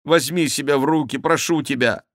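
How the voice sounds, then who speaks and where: A man voicing a hysterical, furious middle-aged French king who shouts in drawn-out outbursts. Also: a little high, lively intonation, dry recording, studio quality, pitched above the performer's own voice. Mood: pleading.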